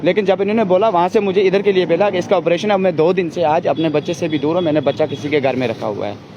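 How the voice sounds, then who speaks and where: Outdoors in a distressed street interview for the news, a father pleads urgently about his sick baby's treatment, complaining rapidly. His voice is fairly high, the background noisy, and the audio dull and lo-fi.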